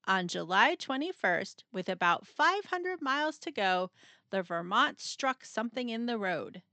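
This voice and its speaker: A female storybook narrator reads a scripted children's story aloud with dramatic expression. Her bright, somewhat high voice swings widely in pitch, and she pauses for suspense. The recording is dry and close, with no room sound.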